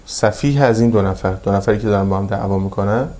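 A man preaching a sermon with a dark, mellow tone. He intones Arabic passages slowly and deliberately, then explains them in easy colloquial speech, repeating his phrases for emphasis. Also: lowish voice. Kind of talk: religious sermon.

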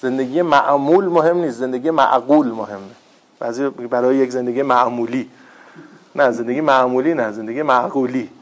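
A man preaching in a lively storytelling way, with rhetorical questions and wry humor. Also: mid-range voice. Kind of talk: religious talk with retold stories.

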